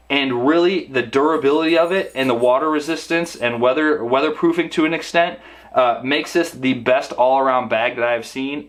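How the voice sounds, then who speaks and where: A man talks through a product review in a relaxed, conversational way, leaning on "uh" fillers as he explains features. His pitch sits in an ordinary middle range for a man. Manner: conversational, frequent "uh" fillers, upbeat sign-off. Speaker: camera gear vlogger.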